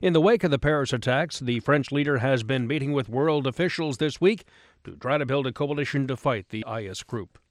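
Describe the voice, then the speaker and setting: A man reads radio news from a script. His voice sits at a middle pitch, recorded dry and close with no room sound. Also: brisk, no room sound. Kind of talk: scripted news bulletin reading.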